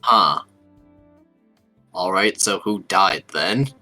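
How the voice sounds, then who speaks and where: Bright-voiced man at a tabletop game. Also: deep voice, animated, very slow, no room sound. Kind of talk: casual tabletop role-play banter. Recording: background music.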